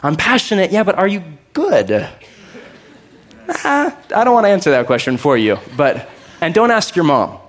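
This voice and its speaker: A middle-aged man preaching a sermon to a congregation, joking often and acting out listeners' doubts. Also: moderate pace. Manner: lively, joking, acts out listeners' doubts in a higher voice. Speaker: pastor.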